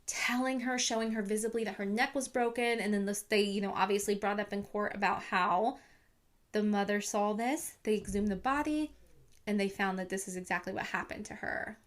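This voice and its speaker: A woman's voice: mid-range voice, steady tone, fairly quick. A young woman casually retelling a true crime story to her viewers on camera, chatty and full of fillers. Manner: chatty, lots of "like", talks to viewers.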